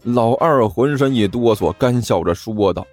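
A man narrating a comic novel as an audiobook in a lively storytelling manner. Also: medium pitch, a little slow. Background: faint music.

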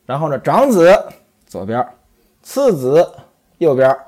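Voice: mid-range voice, sing-song, takes it slowly, darkish tone. A storyteller retelling a classic novel in a conversational way, turning often to the listeners.

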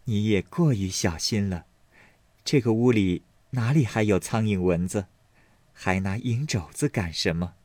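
Man doing a hushed teasing young lady. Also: lowish voice, a little slow, no echo, natural voice.

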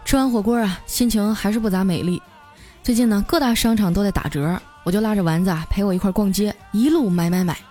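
A woman radio host, telling funny office stories in a lively, chatty way and laughing at her own punchlines. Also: medium pitch, fast talker, soft background music. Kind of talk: comic storytelling.

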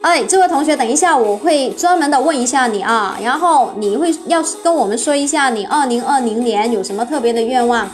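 A woman with a high voice leads a live-streamed English vocabulary lesson. She spells each word letter by letter, quizzes her class and praises them often. Faint music plays quietly under her voice. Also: a little fast, hardly any pauses. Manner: spells words letter by letter, asks the class questions.

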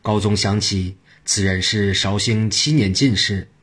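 A man reading a traditional story aloud in a steady narrating manner. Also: on the low side, a little slow, breathy edge.

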